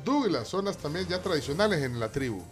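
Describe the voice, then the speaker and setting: A man's voice: a little high, big pitch swings, fairly quick. A man hosting a morning radio show, chatting casually and introducing jokes sent in by listeners. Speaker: radio host. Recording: music bed behind the voice.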